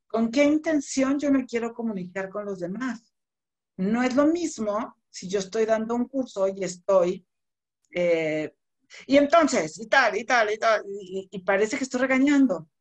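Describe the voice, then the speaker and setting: A woman's voice: on the high side, darkish tone. A middle-aged woman with a Mexican accent, teaching public speaking in an online class over a computer mic, conversational and explaining with spoken examples. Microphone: computer mic on a video call.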